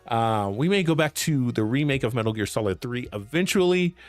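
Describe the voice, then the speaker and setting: A man's voice: medium pitch, lively intonation, a little fast. A young man hosting a casual gaming stream, chatty and laid-back, talking while his voice is worn. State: losing his voice. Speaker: streamer host.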